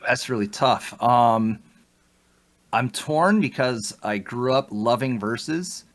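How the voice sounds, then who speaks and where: Chatty man, lively and laughing. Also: medium pitch, takes it slowly. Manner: animated, laughs often, many restarts. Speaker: podcast guest. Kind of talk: casual interview chat.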